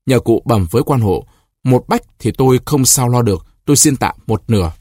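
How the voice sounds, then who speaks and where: A man's voice: mid-range voice, animated, brisk, dark tone, slightly rough, no echo, studio quality. A man voicing a humble, grieving older peasant father who pleads with an official, in a storybook reading. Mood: pleading.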